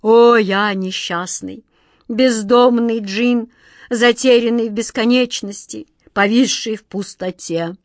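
A woman's voice: fairly high pitch, no echo, clean studio sound. A woman voicing a gloomy, homeless ancient male djinn who laments in a sepulchral mutter. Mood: wailing lament. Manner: lamenting, slow.

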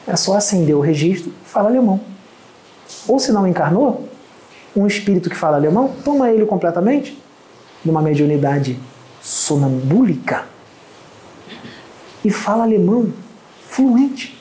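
A man with a Carioca accent gives an emphatic spiritual lecture as a channeling medium, scornful toward critics. His voice is dark and mellow. The recording carries a roomy echo. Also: sits high, very animated, moderate pace, long pauses. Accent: Carioca Portuguese. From Rio de Janeiro, Brazil.

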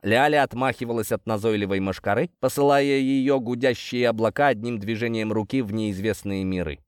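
A man narrating a first-person fantasy audiobook in an expressive storytelling manner. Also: fairly low pitch, fairly quick, clean tone, no room sound, clean studio sound.

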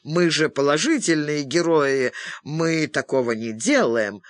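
A man voicing a calm, dry-spoken senior male agent who talks in a measured way. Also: a little high, lightly acted. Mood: firm. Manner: measured and dry, pleading quietly.

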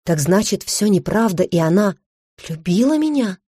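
A woman's voice: medium pitch, animated, normal speed, dark tone, breathy edge, dry recording. A woman voicing an ancient, weary male lord of the winds who speaks in a curt, commanding way. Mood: stunned.

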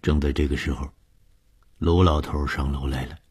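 A man narrating a long-form story in a measured, expressive storytelling style. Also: very deep voice, slightly rough.

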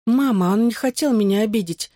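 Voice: medium pitch, a little fast, no echo, studio quality, pitched above the performer's own voice, lightly acted. A reader voicing a shy, flustered teenage girl in an audiobook. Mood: earnest. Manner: soft and hesitant. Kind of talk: audiobook dialogue.

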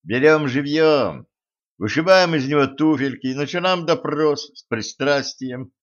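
A man's voice: on the high side, a little slow, dull audio, voice pushed up, natural voice. A man voicing a cocky young trainee fighter who talks in a wry, teasing, cheerful way, close to his own voice.

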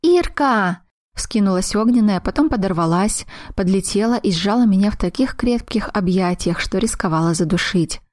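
A woman narrating a first-person fantasy audiobook, voicing each character's lines slowly and deliberately. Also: medium pitch, a little mellow, dry recording, clean studio sound.

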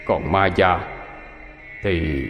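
A man playing an old male household earth god who speaks gravely and measuredly. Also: low voice, very slow, big-room sound, dull audio, music in the background, voice pushed down.

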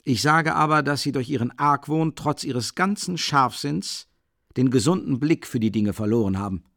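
A man reading an audiobook, voicing an older male investigating judge who speaks softly and insinuatingly with a mocking chuckle. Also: moderate pace, creaky, no echo, clean studio sound. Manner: low, soft, chuckling, insinuating. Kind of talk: audiobook character voice.

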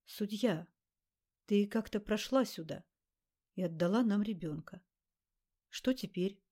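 A woman voicing a calm, firm village woman who speaks softly and gives short orders. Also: medium pitch, measured pace. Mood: steady. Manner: calm, then curt orders.

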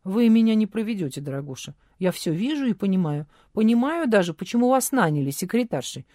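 A woman reading an audiobook, voicing a cold, haughty, suspicious secretary who speaks curtly and slowly. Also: medium pitch, animated, mellow, no echo, studio quality, lightly acted. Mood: haughty, mocking.

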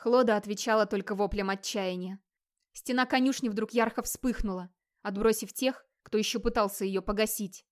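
Lady reading an audiobook, dramatic storytelling, mid pitch. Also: steady tone, normal speed. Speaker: audiobook narrator. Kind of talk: scripted audiobook narration.

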